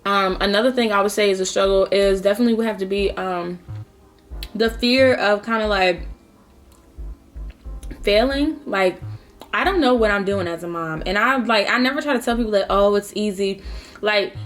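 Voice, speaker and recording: Young female vlogger, mid-pitched, informal confiding chat to camera, clear background music. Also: normal speed, long pauses. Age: young adult. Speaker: mukbang vlogger. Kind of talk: casual chat to camera giving personal advice.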